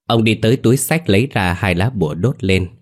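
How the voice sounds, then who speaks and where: A man narrating a dramatic story in a steady, measured reading. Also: on the low side, slightly rough. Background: faint music.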